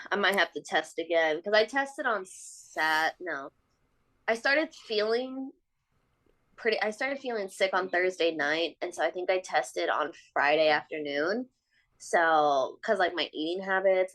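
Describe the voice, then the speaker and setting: A woman's voice: lowish voice, unhurried, a bit bright, poor audio. Stuffy-nosed woman, congested, chatting casually. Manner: gushing, exclamatory, slangy. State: congested from being sick. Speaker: podcast co-host. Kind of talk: casual chat.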